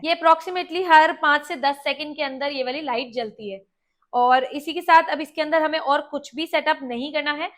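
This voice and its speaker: A woman with an Indian accent demonstrates and reviews a walkie-talkie, explaining things conversationally and mixing in English words. Her voice is high-pitched and a bit bright.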